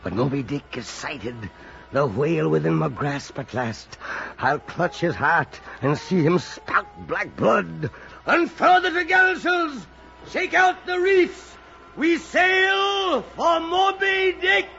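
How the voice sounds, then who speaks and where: A gravelly, obsessed old sea captain, declaiming in grand archaic style for vintage radio drama. His delivery is slow and swings widely in pitch. The recording is dull, with music behind him. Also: lively intonation, sharp tone, exaggerated voice. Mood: musing, obsessed, then exultant. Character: brooding, obsessed, tyrannical old whaling ship captain. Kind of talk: theatrical old-time radio drama acting.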